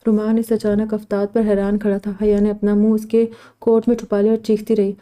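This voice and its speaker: A woman narrating a romance novel as an audiobook, in a steady storytelling manner. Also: medium pitch, clear, resonant tone.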